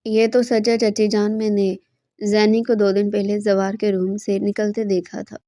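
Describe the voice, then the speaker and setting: Young female relative, read by a woman narrator; matter-of-fact, mellow. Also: medium pitch, little pitch movement, dry recording, studio quality, close to an everyday voice. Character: young woman relative giving damning testimony.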